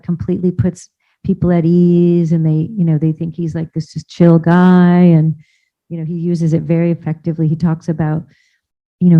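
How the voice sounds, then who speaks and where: Chatty woman with a lowish voice. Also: highs cut off. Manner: chatty, many fillers and restarts. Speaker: conference speaker. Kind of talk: informal conference talk.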